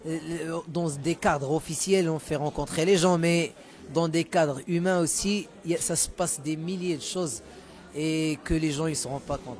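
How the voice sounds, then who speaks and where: A male musician from Morocco, native in Moroccan Arabic, answers casual interview questions at normal speed. His slightly high voice is steady with a darkish tone, and he repeats words as he searches for what to say.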